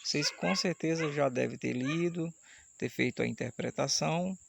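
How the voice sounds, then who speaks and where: A man teaching an online Portuguese grammar lesson, explaining step by step and slowing down to sound out syllables. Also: fairly high pitch, vocal fry, noisy background. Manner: explanatory, slows down to spell out syllables. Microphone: camera mic, camera switched off.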